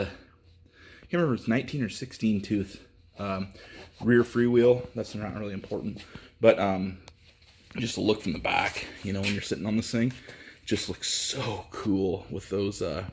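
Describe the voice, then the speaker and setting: A man giving a casual, halting walkthrough of a bike in a workshop, with lots of fillers, a bit out of breath. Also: lowish voice. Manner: rambling, halting, with many fillers. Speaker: bike reviewer. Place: indoor workshop.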